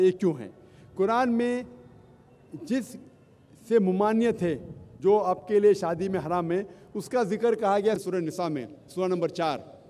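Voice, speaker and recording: At a public lecture, a male Islamic speaker with a high, warm voice takes questions from the audience. He counts off his points one by one, mixes in English phrases, and the room adds a long hall reverb.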